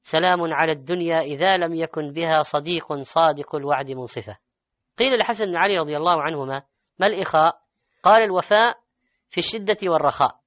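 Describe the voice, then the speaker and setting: A man preaching in formal standard Arabic, with an eloquent, measured and rhetorical sermon delivery. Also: fairly high pitch, a bit bright, no echo, highs cut off. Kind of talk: formal religious sermon with recitation of scripture and verse.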